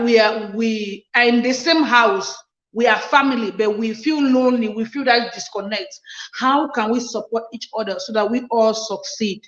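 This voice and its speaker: A woman's voice: a little high, echoey room, dull audio. A woman hosting a casual livestream chat, reading viewer comments aloud and answering them earnestly, often repeating phrases for emphasis. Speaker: livestream host.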